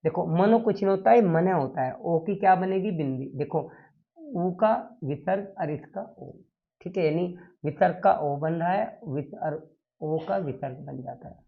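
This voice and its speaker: A man's voice: high-pitched, a little slow, vocal fry, narrow, tinny audio. A man teaching a Sanskrit grammar lesson, drilling the class with repeated questions and answers.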